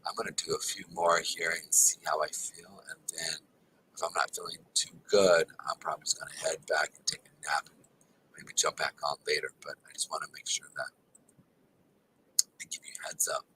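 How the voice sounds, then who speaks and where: Male chart analyst, very low bright-edged voice, tired, sore throat, casual filler-laden commentary, faint noise behind. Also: flat delivery, normal speed, rough recording. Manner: casual, filler-heavy, addresses viewers as guys. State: tired and exhausted; throat not feeling well. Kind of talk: live market chart commentary.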